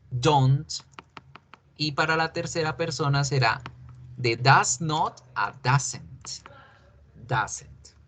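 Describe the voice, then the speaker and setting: A male English teacher explaining grammar patiently in a recorded online class, mixing English examples into his talk and asking and answering his own questions. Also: mid-range voice. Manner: asks and answers his own questions aloud, as a student would.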